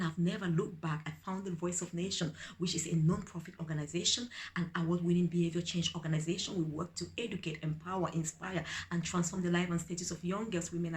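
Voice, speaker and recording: A woman's voice: lowish voice, slight background noise. A middle-aged woman from Cameroon with a Cameroonian accent, giving an earnest inspirational video message as an empowerment coach, repeating key phrases for emphasis.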